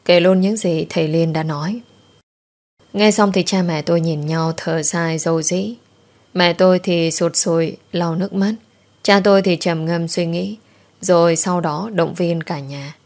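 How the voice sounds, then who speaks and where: A woman reading a first-person story aloud in a steady, emotive storytelling manner. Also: on the low side. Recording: faint background music.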